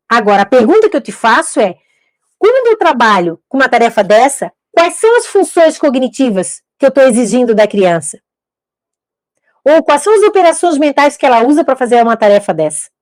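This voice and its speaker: A woman in middle age with a high, bright-pitched voice lectures teachers. She is emphatic, circling back to key points and throwing out rhetorical questions. The sound is close and dry, with no room around it. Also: no room sound. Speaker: educator teaching literacy teachers. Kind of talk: instructional talk to camera.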